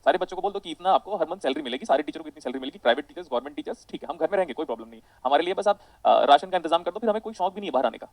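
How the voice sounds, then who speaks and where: Guy teaching physics online super fast, animated, kinda high voice, dry room. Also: no room sound, rough recording. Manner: rapid, animated, addresses students as beta. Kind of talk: online lecture with digressions.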